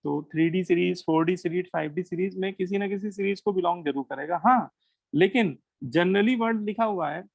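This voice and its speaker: A man's voice: high-pitched, normal speed, vocal fry, dry recording. A man with an Indian accent teaches a chemistry class to students, asking questions and answering them himself, switching between Hindi and English. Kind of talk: classroom lecture.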